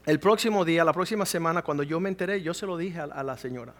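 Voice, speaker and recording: A middle-aged male pastor delivers a sermon in a fairly high-pitched voice. He tells stories from his ministry with animation and acts out the people he quotes. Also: fast, a bit bright.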